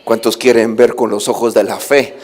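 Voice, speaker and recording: A male pastor, preaching a sermon that swings between loud calls and soft asides. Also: mid-range voice, flat delivery, moderate pace. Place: church hall. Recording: livestream with long hall reverb.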